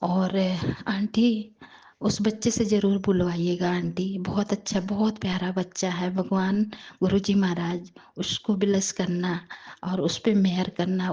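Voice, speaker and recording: A woman giving a tender devotional talk to her listeners, in a rough, worn voice that often slips into a whisper. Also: lowish voice, level tone, a little slow, warm tone. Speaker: devotional satsang speaker.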